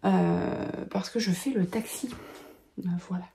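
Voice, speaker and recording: Woman in her thirties, warm and relaxed, thinking aloud in a casual home vlog. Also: fairly low pitch, measured pace, vocal fry. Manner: chatty, many filler sounds, thinks aloud. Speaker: knitting vlogger and pattern designer. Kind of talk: casual chat to camera. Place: home at a desk, lit by a lamp.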